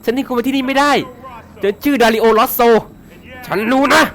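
A man voicing a nervous, hostile older man guarding his shelter in a game, reading the lines close to his own voice and quite high. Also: steady tone, brisk, a bit bright. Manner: suspicious, defensive.

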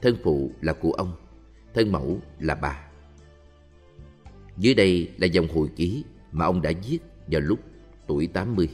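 A man reading a Buddhist story and memoir aloud in a steady, even voice. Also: low-pitched, moderate pace, pauses often, husky. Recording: reverberant with faint music.

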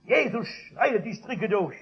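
A man's voice: high voice, lively intonation, measured pace, slightly rough, full character voice. An older man voicing an earnest male city missionary who urges emphatically. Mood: urging. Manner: urgent, emphatic appeal. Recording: dull lo-fi archive recording.

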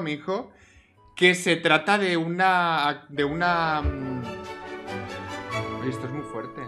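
Excitable gaming commentator. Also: male voice, fairly high pitch. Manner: expressive, exclaiming, scolding his game characters. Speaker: gaming YouTuber. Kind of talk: Sims let's play commentary.

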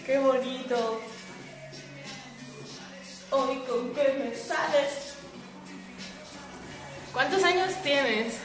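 Chatty high-voiced woman from Spain. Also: extremely slow, pauses often, echoey room, music in the background. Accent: Spain Spanish. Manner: chatty, laughs often, reads viewer comments aloud. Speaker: livestream host. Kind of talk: casual livestream chat. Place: at home lying in a swaying hammock. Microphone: phone.

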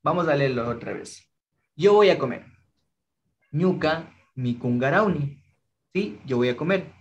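A young man with an Ecuadorian Spanish accent teaching an online language class, patient and slow, often checking in with his students. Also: on the high side, expressive, dull audio. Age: young adult. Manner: patient, slow drilling of phrases, checks in with frequent "¿sí?".

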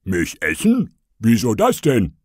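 A man's voice: on the low side, wildly swooping pitch, slow pace, slightly rough, dry recording, clean studio sound, voice pushed up, exaggerated voice. A man voicing a rude, lazy fat male frog in a storybook parody. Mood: grumpy. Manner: rude, slangy.

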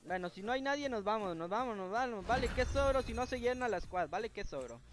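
High-voiced slangy streamer man. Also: lively intonation, brisk. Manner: slangy, chatty, reads out viewers' names. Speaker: gaming streamer. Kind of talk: casual live-stream gameplay chat. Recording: game music clearly heard behind. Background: game music.

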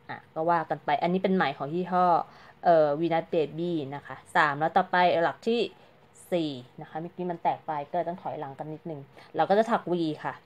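A woman giving a casual, chatty crochet tutorial, counting stitches aloud and explaining each step politely. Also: low-pitched. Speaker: crochet teacher.

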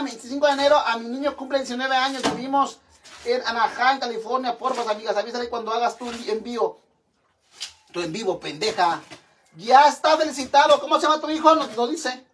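A woman's voice: high-pitched, brisk, slight background noise. A middle-aged woman with a Mexican accent, hosting a crude, joking live-stream cooking chat from her home kitchen and calling her viewers sisters. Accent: Mexican Spanish.

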